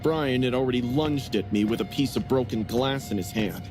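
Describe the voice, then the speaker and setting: A man narrating a first-person story in a scripted, even telling. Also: mid-range voice, normal speed. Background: music.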